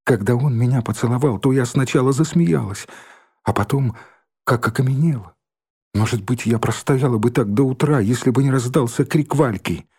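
Gravelly, dark-voiced male audiobook narrator, measured and expressive. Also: medium pitch. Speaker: audiobook reader. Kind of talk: first-person storybook narration.

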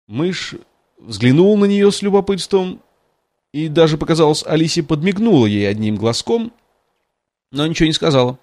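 A man's voice: on the high side, big pitch swings, normal speed, a little mellow, no echo. A man reading a storybook aloud in a casual way, now and then breaking off to comment on the text. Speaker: reader. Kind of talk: storybook read-aloud with ad-lib asides.

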